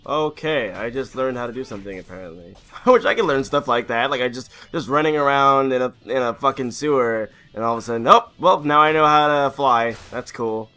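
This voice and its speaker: A man's voice: mid-range voice, brisk, few pauses, a bit bright, soft background music. A man giving comedic commentary while playing a game, sarcastic and profane.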